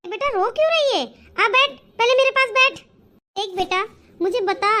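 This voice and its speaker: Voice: very high voice, lively intonation, normal speed, pushed and bright, full character voice. A voice actor playing a worried, doting middle-aged mother who coaxes and fusses in a comedy cartoon. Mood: coaxing. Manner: fussing and coaxing.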